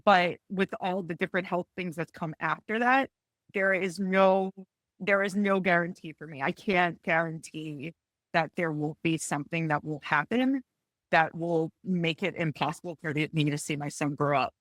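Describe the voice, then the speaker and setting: A woman in her forties sharing a personal story on a panel, tearful and halting, with frequent restarts and apologies. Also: on the low side, fairly bright tone, no room sound. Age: 40s. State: tearful, close to crying. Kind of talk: emotional personal testimony on a panel.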